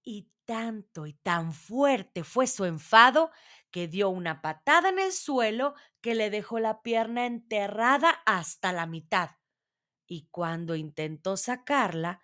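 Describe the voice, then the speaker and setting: A woman storyteller narrating a children's fairy tale in a measured, expressive reading voice. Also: mid-range voice.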